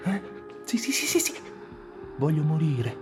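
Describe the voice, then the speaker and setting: A maimed young soldier, deaf, blind and trapped in his own body, acted by a man in a dramatic monologue. His voice leaps from anguished cries down to broken whispers and flat, numb calm, over soft music. He speaks slowly and lingers on every line. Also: mid-range voice. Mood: desperate. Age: young adult.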